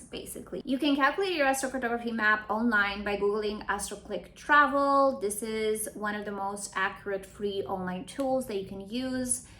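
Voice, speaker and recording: A Romanian woman in her late twenties, an astrologer, talks about her travels in a chatty, casual vlog. Her medium-pitched voice is a bit bright, and she explains terms while often checking in with "right?".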